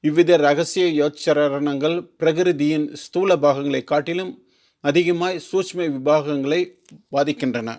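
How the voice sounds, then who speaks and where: Man slowly reading a formal religious text. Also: fairly high pitch, steady tone, a little mellow. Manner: slow, careful formal reading with restarts on long words. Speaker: teacher.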